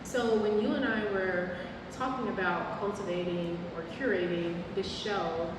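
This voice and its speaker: A woman's voice: medium pitch, steady tone, a little slow, noisy background. A woman hosting an artist talk in a gallery, introducing and interviewing the guest in a friendly, conversational way. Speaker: gallery host. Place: art gallery. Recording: echoey gallery from far off, with music.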